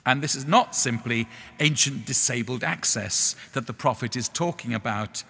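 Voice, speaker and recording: Earnest middle-aged preacher in echoey church. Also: male voice, mid-range voice, gravelly, sharp tone, slightly rough. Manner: measured, earnest, slow pauses on key words. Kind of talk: sermon.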